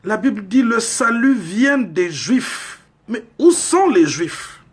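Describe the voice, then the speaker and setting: A preacher from Congo delivers a sermon in an unhurried, deliberate, sing-song cadence, pressing his points with emphatic rhetorical questions. His voice sits a little high and has a husky, breathy edge.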